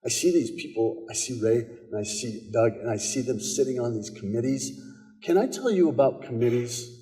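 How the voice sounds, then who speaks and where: A male pastor with an American accent preaches in an easy storytelling way, often repeating himself as he talks. His voice is mellow and relaxed at a middle pitch. It rings with the long reverb of a large church sanctuary. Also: moderate pace. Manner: storytelling, conversational with quoted dialogue and repetitions. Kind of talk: sermon.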